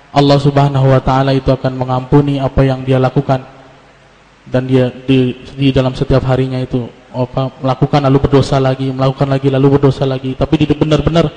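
A man reading a listener's question in a flat, mellow voice, stumbling now and then. A long hall reverb trails behind him. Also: medium pitch. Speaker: question reader.

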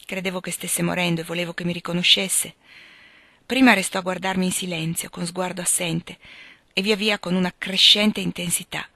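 A woman narrating a classic novel in first person, calm and measured, close to the microphone. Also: on the low side, dry recording. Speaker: audiobook reader. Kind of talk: literary audiobook narration.

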